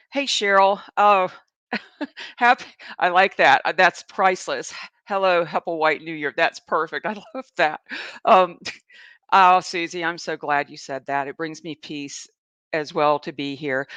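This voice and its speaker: A woman's voice: lowish voice, measured pace, a bit bright, smooth, dry recording. A woman with a Southern US accent hosting a live show, chatting casually and rambling through a personal story. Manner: chatty, rambling, laughs often, reads viewer comments. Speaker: host, animal communicator. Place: home in Asheville.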